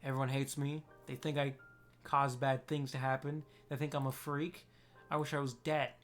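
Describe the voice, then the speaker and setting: A man voicing a despairing outcast young girl, quiet and broken. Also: mid-range voice, level tone, moderate pace, soft background music, natural voice.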